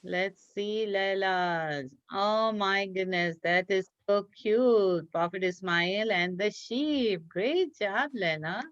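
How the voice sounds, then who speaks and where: A woman with a medium-pitched voice speaks slowly as she teaches an interactive craft lesson to children online, offering encouragement and praise to her young students. The call sounds dull and lo-fi, with room echo.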